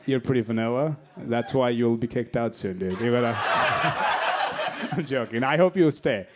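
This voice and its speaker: On a club stage, a young Bangladeshi stand-up comedian teases the crowd with crass, brash banter during his set. His mid-range voice is unhurried, and the recording is very noisy with roaring audience laughter.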